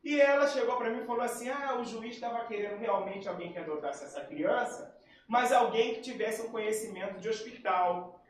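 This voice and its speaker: A man's voice: high-pitched, fairly quick. Man preaching in an echoey hall. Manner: personal storytelling, acts out quoted dialogue. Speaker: spiritist lecturer. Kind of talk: spiritist talk. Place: lecture hall. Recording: very echoey hall, far from mic.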